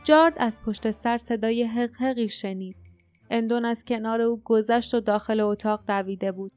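A woman narrating an audiobook in a steady, measured reading voice. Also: fairly high pitch, clear, resonant tone, faint music behind.

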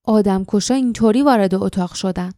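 A woman voicing a fierce, blunt young woman warrior in an audiobook, sharp and indignant. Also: mid-range voice, dry recording, studio quality, close to an everyday voice.

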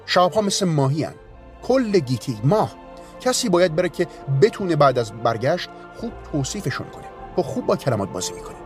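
A man voicing an earnest wife and mother, speaking softly and pleadingly. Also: fairly high pitch, big pitch swings, faint music behind, pitched above the performer's own voice.

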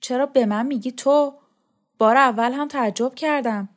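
A woman voicing a gentle young woman who questions softly in an audio storybook. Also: sits high, pitched above the performer's own voice, lightly acted. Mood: doubtful.

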